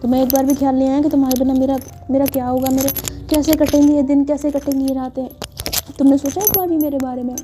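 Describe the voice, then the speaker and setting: A woman's voice: high voice, fairly even intonation, fast talker, over music, lightly acted. A woman voicing a clingy, dramatic young woman who sulks and pleads with her partner in a spoken love story. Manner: pleading, melodramatic.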